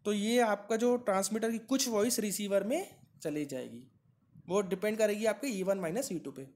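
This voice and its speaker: A man's voice: high-pitched, moderate pace, a little mellow. Man giving a step-by-step lecture. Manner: explains step by step, asks and answers own questions; frequent checks like "है ना" and "ठीक है". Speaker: teacher. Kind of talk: exam-prep lecture.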